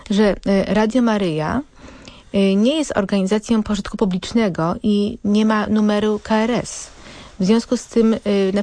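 A woman answering callers as a director on a radio phone-in, explaining things politely and haltingly. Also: mid-range voice, darkish tone, no room sound. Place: dry radio studio.

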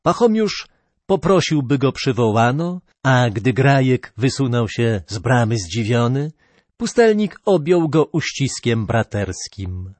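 A man narrating an old legend slowly and deliberately, his pitch rising and falling with the story. The recording is dry and close, with no room sound. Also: dry recording. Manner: measured, expressive storytelling. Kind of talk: storybook reading.

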